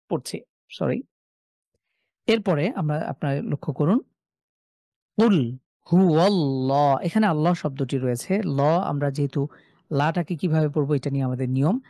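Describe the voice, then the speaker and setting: A man teaching a live online class on Quran recitation rules, explaining each rule and then reciting examples slowly and drawn out. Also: a little high, warm tone, no echo, clean studio sound. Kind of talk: online tajweed lesson.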